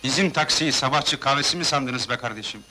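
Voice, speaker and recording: An actor playing an impatient, mouthy taxi driver in film dialogue, brash, colloquial and complaining. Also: male voice, mid-range voice, fairly quick, sharp tone, rough recording. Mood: impatient, mocking.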